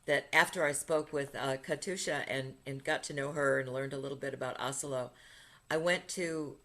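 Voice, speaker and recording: With a very deep, steady voice that's a bit bright, this woman talks at a moderate pace while hosting a podcast interview. She leads retreats, and the conversation is casual. Chatty and upbeat, she laughs through her stories.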